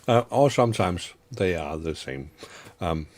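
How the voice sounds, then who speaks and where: Man, low voice, unhurried, hesitant host with fillers. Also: animated, darkish tone. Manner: hesitant, many fillers, chuckling. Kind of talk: casual online stream chat.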